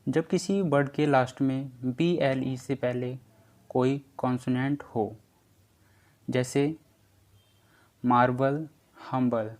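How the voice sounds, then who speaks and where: A male English pronunciation teacher explains a spelling lesson slowly, patiently and repetitively, drawing out letter sounds. His voice is mid-range and darkish, with a steady tone.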